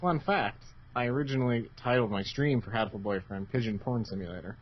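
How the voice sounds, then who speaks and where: A man's voice: fairly low pitch, fast talker. A man co-hosting a casual gaming podcast, rambling with a wry, offhand manner. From United States. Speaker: podcast co-host. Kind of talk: casual chat. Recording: dull lo-fi podcast mic.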